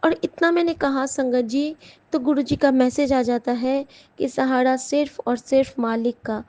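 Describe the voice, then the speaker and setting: A woman's voice: high voice, steady tone, measured pace, a little mellow. A woman giving an earnest, emotional devotional testimony to her listeners in a casual satsang talk. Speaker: satsang speaker.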